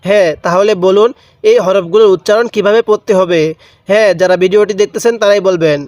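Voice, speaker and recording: In this spelling lesson, a man teaches Quran reading step by step, pronouncing every letter slowly in a Bangladeshi Bengali accent and stretching out the vowels. He asks the viewer questions only to answer them himself. The voice is high and darkish, the intonation fairly even, and there is no room sound.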